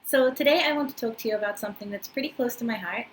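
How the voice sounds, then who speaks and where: Speaking at a racing pace in a slightly high voice, a twentysomething woman with a New Zealand accent chats to her camera in a friendly, informal manner, saying um and uh often. A vlogger working as an English teacher in Japan, she's recorded close up inside a small room with a wooden floor and paper screens.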